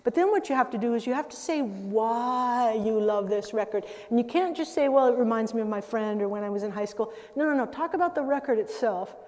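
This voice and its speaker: Older woman, public lecture, mellow voice, long reverb from a big hall. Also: fairly high pitch, animated, brisk, few pauses. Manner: conversational, with laughs and self-interruptions. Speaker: guest lecturer on music.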